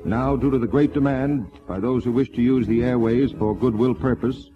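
A man's voice: medium pitch, normal speed. Man announcing over old AM radio. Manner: stiff, formal announcing. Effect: AM radio broadcast sound. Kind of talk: formal station announcement. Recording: muffled old radio broadcast with music.

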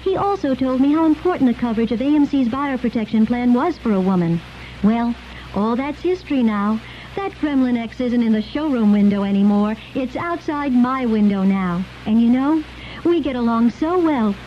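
A woman's voice: on the high side, animated, moderate pace, lightly acted. A woman playing a fond, chatty car owner telling her story in a scripted radio testimonial. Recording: dull lo-fi radio ad, faint noise.

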